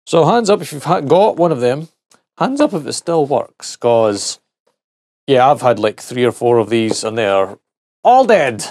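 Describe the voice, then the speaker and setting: In this relaxed product teardown, a middle-aged man reviews a gadget, cracking jokes and talking to himself while he tests and dismantles it. His mid-range voice is a little mellow, with big swings in pitch and an unhurried pace. The studio-quality audio has no echo.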